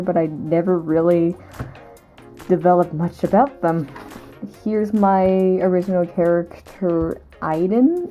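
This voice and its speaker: A young woman with a low, mellow voice chats through her old sketches. She rambles with fillers, giggles at herself and mocks her own work. Faint music plays softly behind her. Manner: rambling, giggly, self-mocking. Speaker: artist showing old sketchbook. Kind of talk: casual vlog narration.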